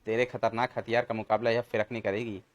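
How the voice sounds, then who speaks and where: A man's voice: lowish voice, level tone, a little fast, natural voice. A man doing a cheerful clever boy hero.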